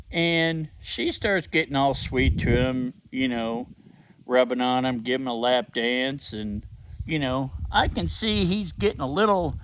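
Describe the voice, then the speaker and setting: A man's voice: medium pitch, fairly bright tone, a little hiss or hum, low-quality recording. A man telling a rambling, profane story in a casual rant. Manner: profane, rambling, drawn-out delivery. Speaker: vlogger.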